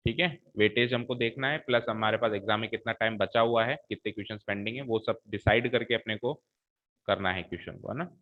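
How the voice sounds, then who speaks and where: A man's voice: on the low side, quick pace. A male maths teacher walks his students through a geometry solution one step at a time. He keeps checking that they are following him as he goes. The recording is thin and tinny, like a phone line. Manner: talks students through each step, coaxing with "ठीक है". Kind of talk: blackboard maths lesson.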